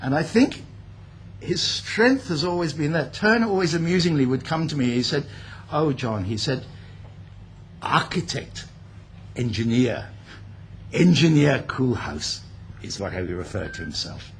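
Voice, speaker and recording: An older man who grew up in India gives an unscripted speech at a building opening, reflective and pausing often with fillers. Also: on the high side, lively intonation, slight background noise. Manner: reflective, speaks off the cuff with many pauses and fillers. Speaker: guest speaker. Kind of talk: formal speech. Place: event hall at a building opening.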